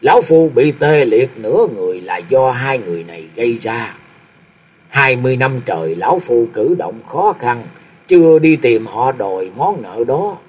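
A storyteller putting on a stern old martial arts master, half-paralysed and past fifty, who speaks gravely and sighs heavily. His husky voice swings widely in pitch as he gives orders in a storybook tale. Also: expressive, moderate pace. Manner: grave, commanding, sighing.

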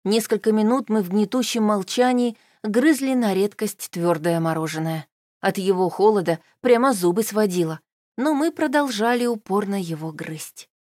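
A woman narrating an audiobook in the first person with expressive storytelling. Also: mid-range voice, moderate pace, no room sound, studio quality.

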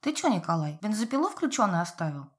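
A woman's voice: medium pitch, big pitch swings, quick pace, slightly rough. A woman voicing an elderly village neighbour, blunt and nosy, in folksy rustic speech, in an audiobook. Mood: wary.

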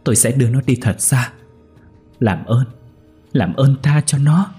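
A man's voice: medium pitch, expressive, unhurried, dark tone, soft background music, voice pushed up, natural voice. A man voicing a young mother and third wife who begs in tears for her baby. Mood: pleading. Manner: tearful begging.

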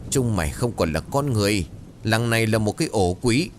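A man's voice: fairly low pitch, expressive, a little fast, a little mellow, a little hiss or hum, lightly acted. A man doing a fierce desperate father. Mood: furious. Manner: growling, menacing. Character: desperate drunken father defending his son, fierce.

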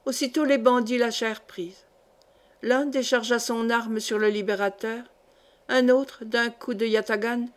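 A woman narrates a classic short story in a steady, measured reading. Her voice sits fairly high, with even storytelling pacing. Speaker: audiobook reader. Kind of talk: literary narration.

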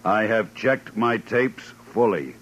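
An actor in an old radio play voicing a too-smooth, polite male robot servant who speaks in a measured, mechanical way. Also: fairly low pitch, animated, a bit bright, heavily acted. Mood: calm. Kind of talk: 1950s radio drama acting. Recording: dull old radio broadcast.

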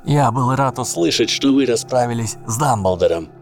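A man's voice: medium pitch, animated, normal speed, faint music behind, voice pushed up, close to an everyday voice. A man voicing a sly male follower apologizing to his master. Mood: sly apologetic.

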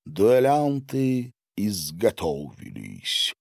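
A man reading an audiobook in a calm, even narration. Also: lowish voice, extremely slow, gravelly, no echo, clean studio sound. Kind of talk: scripted narration.

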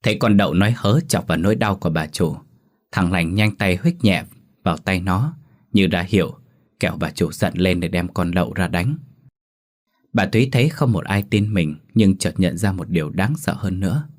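A man's voice: low-pitched, normal speed. A man narrating a scripted horror story and voicing every character himself. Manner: plays all the characters himself.

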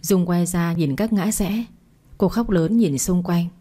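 Woman reading a story aloud, low and mellow, kinda husky. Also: a little slow. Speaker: narrator. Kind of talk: storytelling narration.

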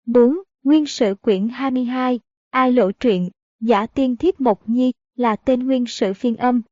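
A woman's voice: fairly high pitch, slow pace, dry recording. A woman reading a historical novel aloud as narrator, going steadily through story passages and endnotes. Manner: steady reading, also of notes and citations. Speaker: audiobook narrator. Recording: dull lo-fi audiobook recording.

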